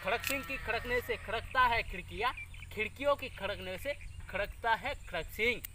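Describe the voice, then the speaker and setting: A man's voice: sits high, normal speed, background noise. A young man hosting a casual village vlog outdoors, chatting and teasing as he leads children through tongue twisters. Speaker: vlogger.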